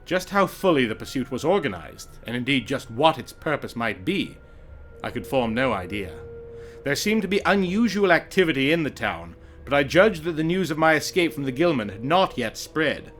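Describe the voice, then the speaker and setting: A man narrating a horror story as a dramatic reading, with theatrical, deliberate emphasis. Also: mid-range voice, sing-song, a bit bright, a little hiss or hum. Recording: music behind the voice. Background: music.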